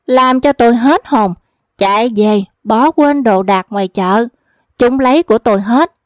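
A woman's voice: on the high side, measured pace, no room sound, studio quality, close to an everyday voice. A woman voicing an indignant village woman who speaks in a reproachful, complaining way.

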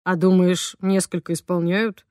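A gentle, good-natured father in an audiobook, talking plainly and a bit sheepishly, voiced by a woman reader. The voice stays fairly high and dry. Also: very animated, normal speed, no room sound. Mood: thoughtful. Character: mild, good-natured father, adult man.

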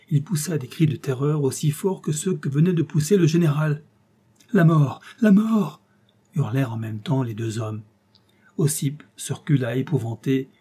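A male audiobook narrator reads a novel in a measured, even storytelling style. His voice is dark and mellow, with a husky, slightly breathy edge. His pitch sits in an ordinary middle range. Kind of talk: scripted literary narration.

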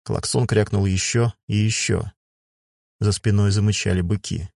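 A man reads a first-person fantasy audiobook in a measured, even manner. His voice sits low. The recording is dry and close, with no room sound. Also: creaky, dry recording. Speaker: audiobook narrator.

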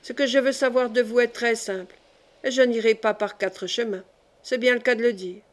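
A woman's voice: a little high, steady tone, moderate pace, close to an everyday voice. A woman reading a blunt stout shopkeeper. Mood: businesslike. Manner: plain-spoken, direct. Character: stout blunt middle-aged male shopkeeper. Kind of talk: audiobook reading.

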